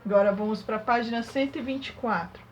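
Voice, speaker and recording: A woman teaching a young class remotely, working through exercises step by step and sounding out syllables slowly. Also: on the high side, noisy background. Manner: slow, syllable-by-syllable dictation. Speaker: primary school teacher.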